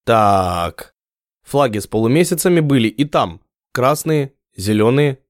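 Male narrator, mid pitch, lively, dry and close. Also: no room sound. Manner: lively, measured storytelling. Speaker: audiobook narrator. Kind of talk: scripted narration.

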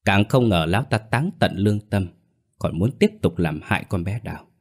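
A man's voice: lowish voice, moderate pace. A man playing a stern, principled older father. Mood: bitter. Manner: calm, firm and reproachful.

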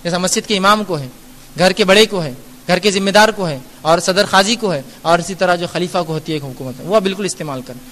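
A man's voice: sits high, a bit bright, long reverb tail. A man giving a Q&A religious lecture, earnest and admonishing, explaining through everyday examples. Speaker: Islamic lecturer answering audience questions.

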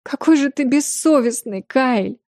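A woman's voice: sits high, unhurried, warm tone, dry recording, studio quality, voice pushed up. A woman voicing a whiny young noblewoman who wails and sniffles with a nasal voice in an audiobook. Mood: tearful wailing. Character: young red-haired noblewoman, whiny and sobbing.

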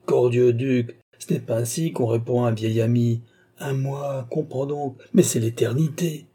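A man voicing an excitable old baron who is worried and exasperated, with outbursts in a raised voice. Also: mid-range voice, a little slow, slightly rough.

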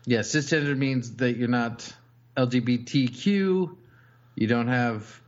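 A man's voice: medium pitch, takes it slowly, lo-fi sound. Rambling, profane man podcast host. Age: young adult. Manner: rambling, profane, lots of fillers. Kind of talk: casual chat.

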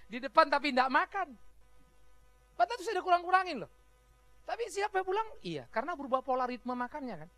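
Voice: high voice, fairly bright tone, no room sound. A pastor preaching a sermon in a chatty, humorous way, often laughing while talking. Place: church.

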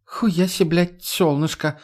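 Guy doing a mouthy rude young woman, raised pitch, swearing and sneering, audiobook. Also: expressive, fairly quick, a little mellow. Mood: mocking, crude. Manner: coarse, mocking, swears constantly. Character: crude brash young woman, foul-mouthed.

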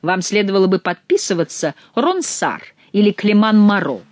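A reader voicing a gruff, ever-grumbling male soldier who scolds bluntly and swears oaths. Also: medium pitch, very animated, moderate pace, no room sound, voice pushed up, lightly acted. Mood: scolding.

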